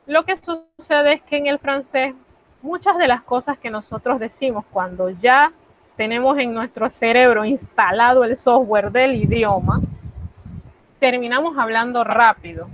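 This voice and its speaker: Woman teacher explaining slow and patient, asks herself questions then answers, kinda high voice. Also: fairly bright tone, rough recording. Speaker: French teacher. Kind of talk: recorded online class lesson.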